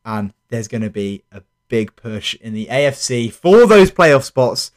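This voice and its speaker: A young man speaks with a South London accent in an average-pitched voice. He chats casually as the co-host of a sports podcast. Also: big pitch swings, unhurried.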